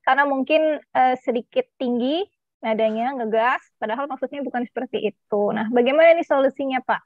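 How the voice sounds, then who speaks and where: A woman's voice: sits high, brisk, no room sound. A woman moderating a webinar, friendly, reading out audience questions with short affirming replies. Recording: dull dry lo-fi audio.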